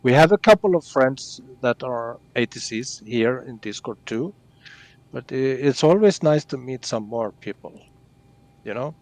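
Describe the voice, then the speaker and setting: A man's voice: mid-range voice, expressive, measured pace. Easygoing man in voice chat. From Sweden. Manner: friendly, easygoing, adds many small fillers. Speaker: fellow flight-sim pilot on the stream call. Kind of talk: casual voice chat.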